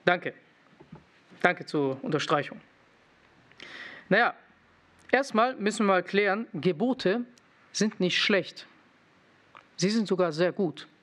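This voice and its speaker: A young man with a high voice delivers a sermon. He keeps asking his listeners questions and ribs them with dry irony. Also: takes it slowly, pauses often. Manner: lively, questioning the congregation with teasing irony. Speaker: preacher.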